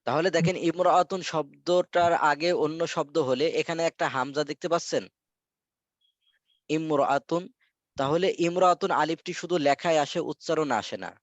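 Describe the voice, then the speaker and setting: A man's voice: on the high side, steady tone, normal speed, no room sound. A male teacher leading an online class, patiently repeating words so students memorize them. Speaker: Arabic teacher. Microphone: video call.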